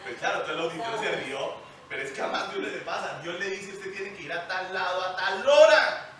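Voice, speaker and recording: A man preaching a lively, joking sermon, asking the congregation questions. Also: high voice, a little fast, noisy background. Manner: jokey, animated, asks the congregation questions. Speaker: pastor. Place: church hall. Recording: echoey church hall, mic at a distance.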